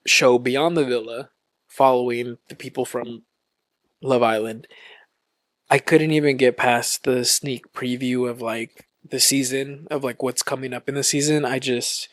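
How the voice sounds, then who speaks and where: A man hosting his own podcast in a relaxed, casual way, with lots of ums and likes. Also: medium pitch, a little slow, dry recording. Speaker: podcast host. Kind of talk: casual solo podcast chat.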